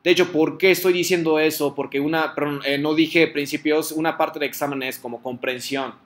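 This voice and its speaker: A man's voice: on the high side, steady tone, fairly quick. A man teaching a class in Spanish, explaining patiently step by step and checking in with his students. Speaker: Japanese teacher.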